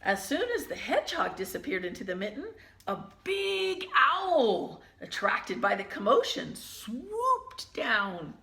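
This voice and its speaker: A woman teacher reading a children's picture book aloud, gently pausing to point out the pictures in hushed asides. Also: mid-range voice, big pitch swings, vocal fry, reverberant.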